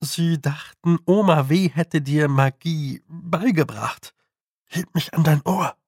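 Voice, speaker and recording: A dry, knowing talking toad, as a man reads it mutters wry advice. The voice is gravelly and slow. It comes close and dry, as in an audiobook. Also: a little high, darkish tone, no room sound. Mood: explaining.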